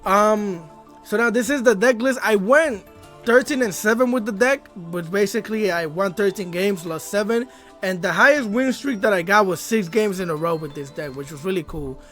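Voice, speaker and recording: Over soft background music, a man sounding stuffed up from a cold narrates card game replays as a gaming YouTuber. His voice sits high and a bit bright, moving at a moderate pace, full of hype and slangy trash talk in a casual tone.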